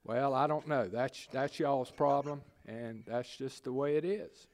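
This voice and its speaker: An improv actor playing a bumbling Southern small-town mayor who stammers and fumbles through fillers while delivering bad news. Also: male voice, mid-range voice, fairly even intonation, a little slow, darkish tone, lightly acted. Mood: sheepish. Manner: hesitant, stammering, full of fillers.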